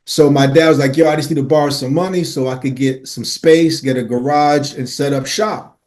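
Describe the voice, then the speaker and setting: A man in his forties, originally from Miami, talking through his life story as a podcast guest. His manner is earnest and casual, peppered with slang and tag questions, and his voice is at a medium pitch. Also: steady tone, moderate pace, darkish tone. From Miami, Florida. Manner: earnest, slangy, lots of "uh" and "right?". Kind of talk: storytelling in an interview.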